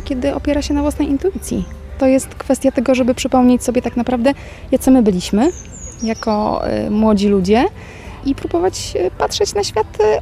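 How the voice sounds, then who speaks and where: A woman teacher answering interview questions in a reflective way, pausing often with small fillers. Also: a little high, creaky, dark tone, a little hiss or hum. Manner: reflective, speaks thoughtfully with pauses and "e" fillers.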